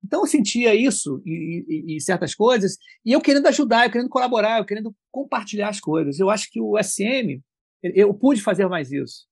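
A man tells work stories in an animated, slangy way, and his pitch jumps around a lot. His voice is gravelly and husky, recorded close and dry. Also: a little fast, dry recording. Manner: lively, colloquial, animated storytelling. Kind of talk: casual conversation.

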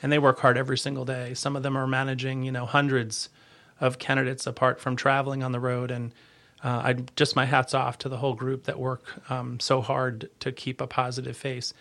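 A man giving a conversational podcast interview as an agency leader, earnest and halting, often rephrasing as he goes. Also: mid-range voice, monotone, bright, forceful tone.

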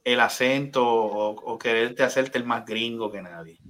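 Puerto Rican man, bright tone, brash profane podcast co-host. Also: medium pitch, a little slow. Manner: loud, profane, mocking. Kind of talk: casual chat.

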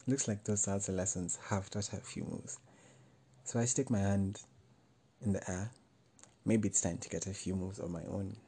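Guy reading a story out loud, wry and measured, flat gravelly voice. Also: low voice. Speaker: narrator. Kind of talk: first-person story narration.

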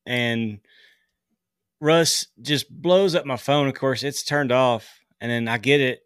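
Male podcast co-host, mid-pitched, blunt talker who swears, dry close sound. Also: slow, fairly bright tone, smooth, no echo. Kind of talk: casual podcast chat.

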